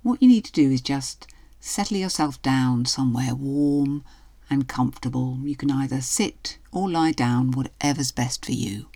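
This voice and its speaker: A woman hypnotherapist narrating a guided relaxation in a soothing, hushed delivery that trails softly toward a whisper. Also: a bass voice, normal speed. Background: music.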